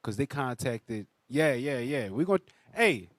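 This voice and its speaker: A man's voice: medium pitch, expressive, a little slow, no echo. A man talking casually as a panelist in a group news discussion, slangy and emphatic, often repeating himself.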